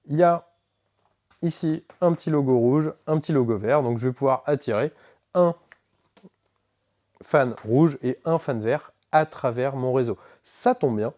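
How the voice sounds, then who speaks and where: A man's voice: mid-range voice, warm tone. Casual man explaining game rules. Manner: casual, filler-heavy walkthrough with self-corrections. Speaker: board game shop presenter. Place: board game shop.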